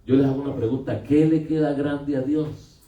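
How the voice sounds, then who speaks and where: A man's voice: medium pitch, fairly even intonation, moderate pace, mellow. A male pastor preaching a sermon in a conversational way, asking his congregation questions. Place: church hall. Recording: echoey hall, picked up from a distance.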